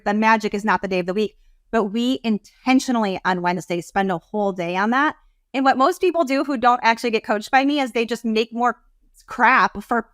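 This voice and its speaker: A woman business coach talking as a podcast guest, animated, rambling and heartfelt. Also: fairly high pitch, dry recording, studio quality. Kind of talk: casual interview talk.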